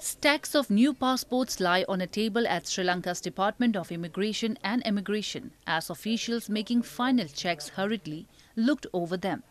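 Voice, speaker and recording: A female news anchor reading scripted headlines in a studio with a measured, formal delivery. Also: mid-range voice, lively intonation, a crowd in the background.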